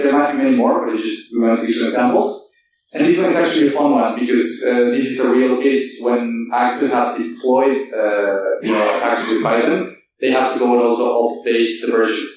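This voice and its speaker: A man giving a technical conference presentation, halting and full of fillers and self-corrections. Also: medium pitch, darkish tone. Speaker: conference speaker. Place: conference hall. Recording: echoey hall, distant mic.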